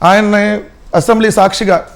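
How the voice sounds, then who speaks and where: A man on a TV news panel, arguing in a heated way with mocking, rapid rhetorical questions. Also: sits high, steady tone, gravelly. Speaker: political panelist.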